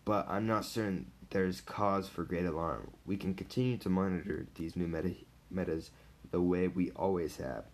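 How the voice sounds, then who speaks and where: A man reading the lines of a cautious, reasoned female warrior hero without changing his own deep voice. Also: moderate pace, darkish tone.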